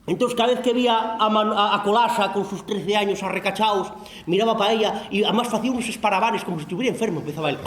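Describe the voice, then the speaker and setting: A man with an Asturian accent telling a comic folk tale in an earthy, animated way. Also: high-pitched, quick pace, roomy sound. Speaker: storyteller.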